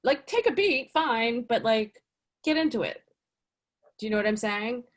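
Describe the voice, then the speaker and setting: A woman talking as a casting director in a casual interview, chatty and animated, full of "you know" and "like". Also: moderate pace. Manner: lively, swings up in pitch for emphasis.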